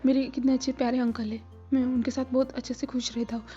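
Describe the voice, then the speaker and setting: A woman's voice: sits high, flat delivery, quick pace, lightly acted. A woman voicing Wing, a clingy upset young man. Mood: upset, pleading. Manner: pleading, protesting. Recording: slightly dull with soft music.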